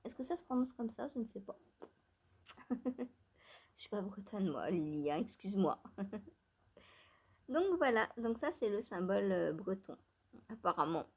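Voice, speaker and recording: A woman's voice: mid-range voice, big pitch swings, measured pace, long pauses, darkish tone, slightly rough. A woman talks through her knitting in a casual vlog, wandering from thought to thought. She hesitates often, restarts her sentences and drops in small laughs. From France. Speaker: knitting vlogger. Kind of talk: casual chat.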